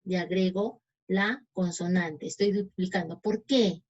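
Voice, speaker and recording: Woman, native Spanish speaker, unhurried English teacher who checks in often; muffled lo-fi recording. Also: lowish voice, fairly even intonation, a little mellow. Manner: slow, reads English examples deliberately, checks in with "¿sí?". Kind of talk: explaining grammar to students. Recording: dull lo-fi sound.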